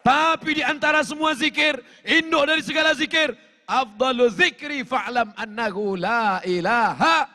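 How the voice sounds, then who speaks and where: A man preaching a sermon, fervent, rising to shouted appeals and breaking into sung chants. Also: very high-pitched, moderate pace. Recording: long reverb of a large hall.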